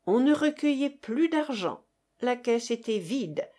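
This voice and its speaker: Slow, expressive woman reading a novel. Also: on the high side. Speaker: audiobook reader. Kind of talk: scripted narration.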